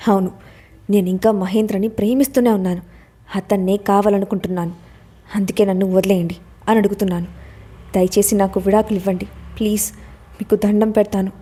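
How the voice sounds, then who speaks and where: A desperate young wife pleads through tears, her words hurried and low, as a woman narrator voices her. The tone stays warm and mellow. This is a spoken storybook drama. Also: steady tone, breathy edge, lightly acted. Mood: pleading. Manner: pleading, tearful.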